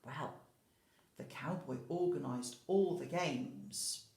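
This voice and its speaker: An infant school teacher reads a picture book aloud to young children, speaking to them directly with questions and asides. Her voice is low, slow and somewhat dark, and she reads expressively. The room sounds spacious and echoey.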